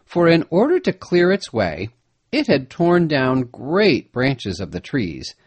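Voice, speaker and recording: A man narrating an adventure story in the first person, reading in an expressive, emphatic way. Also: medium pitch, husky, no echo. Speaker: audiobook narrator.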